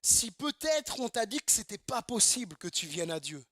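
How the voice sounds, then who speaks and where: At a normal speed and very animated, a pastor from Normandy, France delivers a church sermon in a very high, bright, forceful voice. He hammers his points with repetition and rhetorical questions, and the close, dry recording carries almost no echo.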